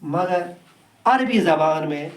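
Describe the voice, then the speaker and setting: A Kashmiri man teaches a class, drilling each sound again and again and answering his own questions. His voice sits a little high. He is recorded from a distance in an echoey room. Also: expressive. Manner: repeats sounds slowly, asks and answers himself. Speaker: Urdu teacher. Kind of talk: classroom lesson. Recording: echoey room, far from the mic.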